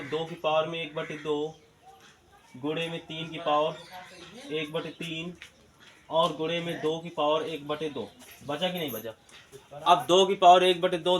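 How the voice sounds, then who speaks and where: Chatty math teacher, tinge. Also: male voice, a little high, slight background noise. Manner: rhetorical questions answered himself; colloquial eastern Hindi words. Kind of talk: classroom-style math lesson video.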